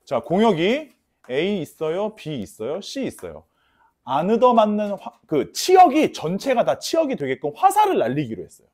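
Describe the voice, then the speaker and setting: A man teaching a math lecture emphatically, drilling warnings and checking his students understand, mixing polite speech with rough slang. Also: high voice, wildly swooping pitch, normal speed, darkish tone. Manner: repeats key warnings, asks students for confirmation.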